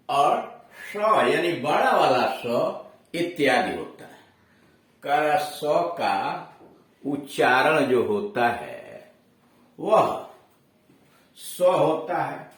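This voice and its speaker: A man teaching a grammar lesson, explaining slowly, repeating each rule and spelling words out letter by letter. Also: a little high, distant mic. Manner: checks understanding with quick questions. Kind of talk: classroom lesson. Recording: echoey room, voice from away from the mic.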